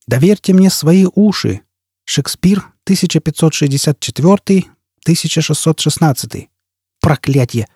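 A man's voice: a little high, animated, moderate pace, slightly rough, dry recording, clean studio sound. A man voicing a flamboyant, hot-tempered rich showman who talks pompously and bellows. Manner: bombastic, shouting.

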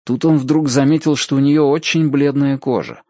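A man narrating an audiobook in an expressive, animated reading style. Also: mid-range voice, moderate pace, dry recording, studio quality.

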